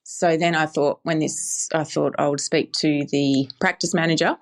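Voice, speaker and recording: A woman's voice: low-pitched, fairly even intonation, moderate pace. A woman in her forties giving a chatty, matter-of-fact casual testimonial. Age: 40s. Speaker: podcast guest giving a testimonial.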